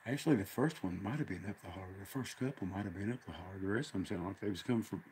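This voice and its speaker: A livestream host with an Appalachian accent and a folksy country manner rambles casually over field footage. His low, darkish voice moves very fast, and there's slight background noise.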